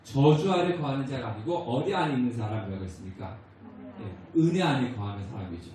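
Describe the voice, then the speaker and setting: A pastor preaching a sermon, asking the congregation questions and answering them himself, with short quoted lines spoken out in a raised voice. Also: male voice, mid-range voice, lively intonation, a little fast, dark tone, a little hiss or hum. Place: church sanctuary. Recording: very echoey church hall, voice from far off.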